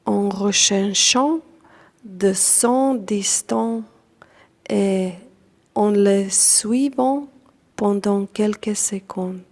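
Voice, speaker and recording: In French carrying a non-native accent, a woman acting as instructor leads yoga nidra at a medium pitch. Her manner is calm and deliberate, moving in short phrases punctuated by long pauses.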